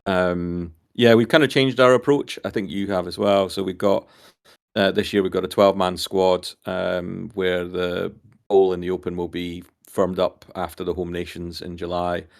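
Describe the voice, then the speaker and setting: A man's voice: sits low, flat delivery, normal speed, vocal fry. A man, a team captain, chatting casually on a stream, rambling with many repeated words and hesitations.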